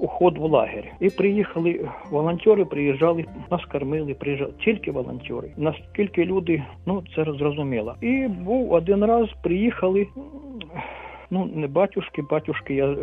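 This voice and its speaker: A man calling in to a radio show, speaking haltingly with many restarts as he recalls his military service. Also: high-pitched, husky. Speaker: radio caller, former soldier. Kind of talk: phone call-in testimony. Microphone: phone. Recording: tinny phone line, faint music.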